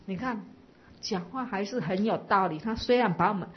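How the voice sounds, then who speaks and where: A woman's voice: mid-range voice, moderate pace, dull audio. A woman Buddhist teacher giving a dharma talk to a live audience, explaining patiently and asking listeners to reflect.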